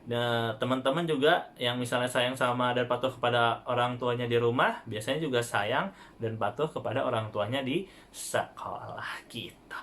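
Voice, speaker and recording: A young man, a primary school religion teacher, giving a gentle online lesson to young children with frequent questions to the class. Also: medium pitch. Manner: gentle, patient, addressing kids directly with frequent rhetorical questions.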